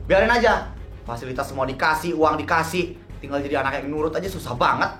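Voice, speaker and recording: A man playing a harsh middle-aged father who scolds his son and shouts at him. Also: a little high, quick pace, soft background music. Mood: scolding.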